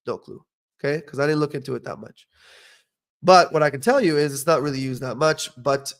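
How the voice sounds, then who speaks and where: In a slightly high voice at a fairly quick clip, a young dental professional runs a casual podcast. He teaches through blunt opinions, frequently pausing for an "okay?"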